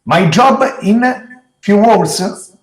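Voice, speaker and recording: A middle-aged man with an Italian accent answers interview questions as a teacher, in halting, simple non-native phrasing. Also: sits high. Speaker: geology teacher being interviewed. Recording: echoey room.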